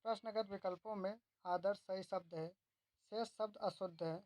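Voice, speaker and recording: A woman's voice: medium pitch, steady tone, normal speed, a little mellow, dry recording, low-quality recording. A woman tutor reads exam questions and their options aloud, then gives the answer and explains why. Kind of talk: reading quiz questions and answers.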